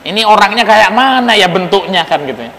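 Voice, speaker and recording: A man giving a relaxed religious lecture, teasing his listeners and asking them questions. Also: high-pitched, brisk. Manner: joking, asks the audience questions. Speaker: ustadz teaching a study circle. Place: prayer room. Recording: echoey prayer room with long reverb.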